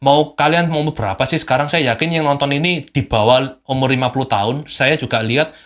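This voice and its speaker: A man's voice: mid-range voice, fairly quick, a bit bright. A young man, a business owner, giving an unscripted motivational talk to camera at home at night, blunt and emphatic, repeating phrases to drive points home. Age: young adult.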